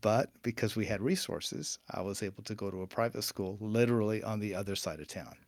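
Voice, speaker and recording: A man's voice: lowish voice, a little fast, darkish tone, no echo. A man in a casual panel conversation who talks hesitantly, with many ums and stammered starts.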